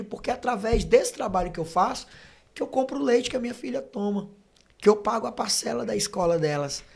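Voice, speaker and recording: Gravelly-voiced evangelist telling stories. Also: male voice, sits high. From Brazil. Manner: animated storyteller, acts out dialogue. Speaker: evangelist guest. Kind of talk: testimony in casual podcast chat.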